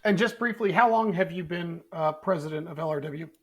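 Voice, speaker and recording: A man's voice: on the high side, a little fast, husky. A man hosting a podcast in a jokey, self-deprecating, upbeat way. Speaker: podcast host.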